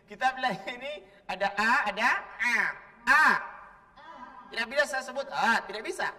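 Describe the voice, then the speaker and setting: A man's voice: very high-pitched, fast, bright, forceful tone, long reverb tail, recorded from a distance. A man hosting a children's Quran lesson on television, teacherly and prompting the kids to answer back as he draws out each letter sound. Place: television studio.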